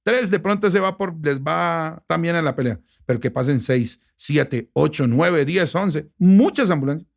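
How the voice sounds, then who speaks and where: A middle-aged man with a Bogotá Colombian accent, a radio journalist telling a personal story in an interview, emotional and animated, with many restarts. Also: on the high side, unhurried, creaky, few pauses. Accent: Bogotá Colombian Spanish. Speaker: radio journalist and station director.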